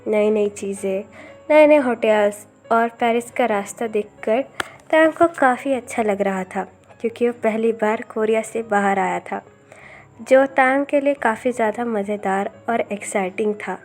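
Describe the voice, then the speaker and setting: Brief: female storyteller, slightly high voice, steady read-aloud narration, faint music underneath. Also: normal speed. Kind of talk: reading a fan story aloud.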